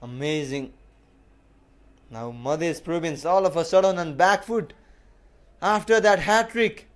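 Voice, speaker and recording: A male cricket commentator with a notably high, clean and smooth voice. He calls live play ball by ball and repeats key phrases for emphasis. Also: a little slow.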